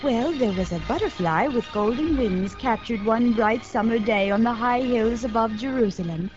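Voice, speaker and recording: A woman's voice: a little high, moderate pace. Woman narrating on an old broadcast disc. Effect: old broadcast disc recording. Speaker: storyteller and show host. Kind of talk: children's radio story narration. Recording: dull lo-fi 1950s radio transcription with music.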